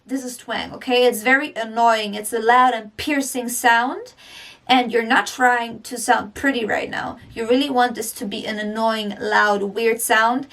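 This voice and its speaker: A woman's voice: on the high side, steady tone, measured pace, vocal fry, a bit bright, far from the mic. A woman teaching singing in an upbeat manner, explaining techniques and then demonstrating the sounds herself. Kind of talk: vocal lesson with demonstrations.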